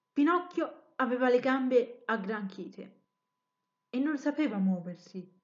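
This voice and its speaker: A woman reading a children's story aloud, expressive, with an occasional self-correction. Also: fairly high pitch, lo-fi sound.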